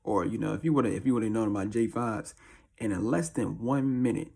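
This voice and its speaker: A man with a deep, husky early-morning voice, chatting casually as a video host in a slangy, repetitive way. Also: brisk, dark tone. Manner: slangy, informal, repeats catchphrases. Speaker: YouTube host. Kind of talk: casual chat to camera.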